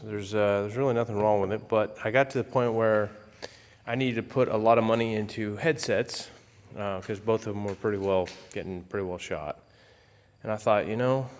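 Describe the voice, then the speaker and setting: An aircraft owner and pilot gives a casual, unscripted walkthrough in a fairly low voice. He's folksy and rambling, with halting restarts, and long reverb makes it sound like a big indoor space.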